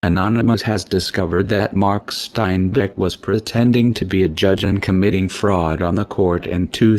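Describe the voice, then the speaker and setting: Man in a disguised deep voice. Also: a little mellow, no echo. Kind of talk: scripted statement read out.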